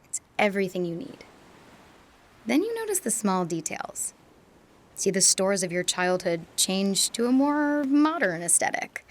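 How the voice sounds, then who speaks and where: In a radio drama, an actress plays a young adult female university student, reflecting quietly in a lowish voice and sometimes dropping to a whisper.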